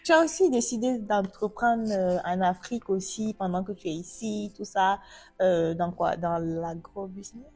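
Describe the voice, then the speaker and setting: Husky-voiced woman hosting an interview. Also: mid-range voice, normal speed, warm tone, faint music behind. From Africa. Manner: chatty, asks long rambling questions. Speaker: host. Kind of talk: casual interview conversation.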